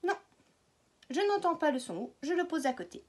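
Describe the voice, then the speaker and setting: A woman's voice: very high voice, big pitch swings, normal speed, darkish tone. A woman with a French accent, teaching a phonics lesson to small children and stretching words out syllable by syllable.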